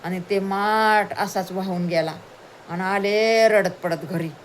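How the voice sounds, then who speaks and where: A woman's voice: medium pitch, fairly even intonation, slow, a little hiss or hum, lightly acted. A woman voicing a poor village wife who laments in repeated pleas. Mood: plaintive.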